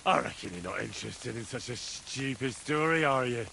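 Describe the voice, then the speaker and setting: A man's voice: mid-range voice, lively intonation, moderate pace, vocal fry, sharp tone, a little hiss or hum. An actor playing a boastful, cocky young man in a video game, bragging and swearing as he drinks.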